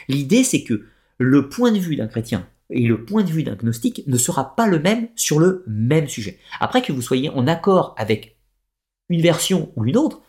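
A man talks on a live stream, working through his explanations with many pauses and restarts. His voice sits at an ordinary, middle pitch for a man. He answers viewers' comments as he goes. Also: a little mellow. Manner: digressive explainer with frequent hesitations.

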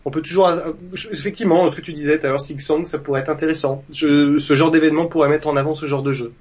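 A man speaking as a guest on a gaming podcast, measured and hesitant, pausing on fillers. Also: on the high side, fairly even intonation, a little mellow, muffled recording, slight background noise. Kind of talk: casual gaming chat.

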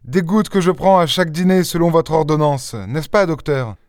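Male reader puts on a timid young woman, high and halting, storybook reading, dry sound. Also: no room sound, close to an everyday voice. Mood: hesitant. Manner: raised falsetto-like pitch, hesitant. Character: frightened young woman, sickly and shaken.

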